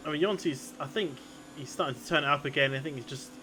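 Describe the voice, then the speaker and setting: A man's voice: on the high side, fast talker, sharp tone, slight background noise, rough recording. A man working as a motorsport commentator, giving conversational analysis of the race. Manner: motorsport commentator explaining incidents and strategy.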